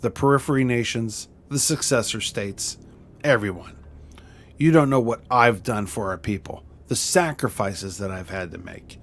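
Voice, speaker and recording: A man's voice: lowish voice, normal speed, fairly bright tone. A man voicing a captured villainous noblewoman in a video game, haughty and defiant, sputtering grandiose threats. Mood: indignant, menacing.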